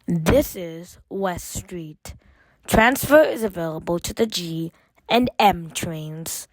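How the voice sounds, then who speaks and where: This automated-style train announcement is read by a woman with a voice on the low side, delivered in measured, formulaic segments yet animated. The recording is dry, though the audio is poor.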